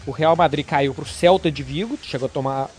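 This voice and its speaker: A man's voice: a little high, brisk, faint music behind. A Brazilian man hosting a football podcast in casual, conversational sports chat.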